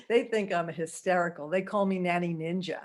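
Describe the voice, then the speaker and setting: Over a video call, a lowish-voiced woman in her seventies delivers a chatty talk on holistic health, punctuated by frequent laughter and asides such as "okay?".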